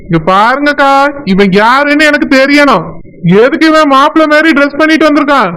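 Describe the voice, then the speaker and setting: A woman's voice: high voice, fairly quick, fairly bright tone, low-quality recording. A woman with a Kanyakumari Tamil accent voicing an angry village man who demands answers. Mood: demanding. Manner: demanding, blunt questioning.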